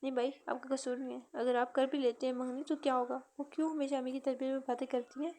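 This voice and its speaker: Casting: woman narrator doing a hurt teenage girl in an audiobook, soft and high. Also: level tone, fast talker, a little hiss or hum. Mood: tearful. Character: teenage girl, hurt and tearful younger sister.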